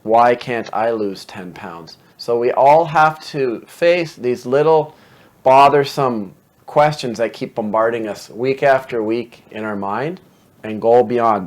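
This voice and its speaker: A man hosting a meditation show, explaining calmly and conversationally and posing rhetorical questions. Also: mid-range voice.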